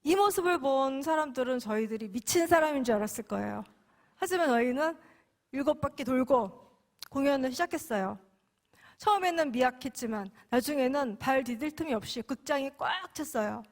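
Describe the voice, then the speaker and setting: A woman's voice: high-pitched, animated, normal speed. A woman giving a testimony sermon as a mission representative, telling her story expressively with sudden emphatic rises.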